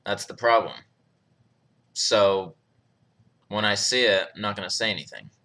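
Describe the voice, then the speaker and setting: A young man with a fairly low, pushed and bright voice hosts a live Q&A stream at a measured pace. He chats casually and laid-back, reading viewer comments aloud and chuckling often.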